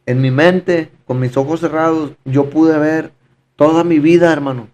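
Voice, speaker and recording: A man's voice: on the high side, steady tone, measured pace, a little mellow, a little hiss or hum. A man giving a fervent, repetitive personal testimony in conversation, often calling his listener brother. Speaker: podcast guest giving testimony.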